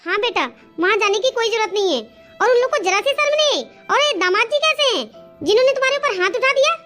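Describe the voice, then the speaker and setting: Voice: very high voice, expressive, fast talker, over music. A voice actor playing a worried, doting middle-aged mother who coaxes and fusses in a comedy cartoon. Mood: indignant. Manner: fussing and coaxing.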